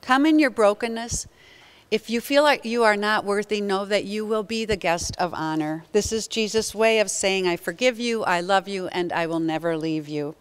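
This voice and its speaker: A woman's voice: medium pitch, clean tone. Solemn woman leading communion prayers. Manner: slow, solemn, prayerful reading. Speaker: pastor. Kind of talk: communion liturgy. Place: church sanctuary at the front.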